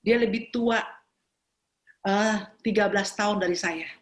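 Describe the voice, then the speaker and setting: A woman's voice: medium pitch, steady tone, a little slow. A woman in her fifties, an evangelist giving a sermon with a personal testimony, telling her story with animation and acting out both sides of a phone call. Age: 50s. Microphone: video call.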